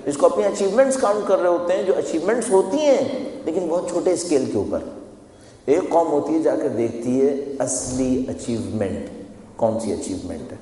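A man's voice: fairly high pitch, lively intonation, warm tone. A man giving a sermon in a storytelling, conversational way, repeating phrases for emphasis. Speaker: preacher. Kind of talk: sermon with personal anecdotes. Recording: echoey hall with long reverb.

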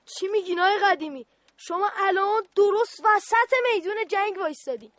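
A woman's voice: extremely high pitch, a bit bright, no room sound. A woman voicing a bossy young boy who stands guard in a war game, in a radio play, talking in a stern, officious way. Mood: scolding.

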